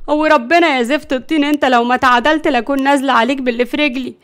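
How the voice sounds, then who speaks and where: A woman with an Egyptian accent voicing a bossy, hot-tempered grandmother who scolds loudly. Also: sits high, steady tone, very fast. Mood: scolding. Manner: scolding, loud and exasperated.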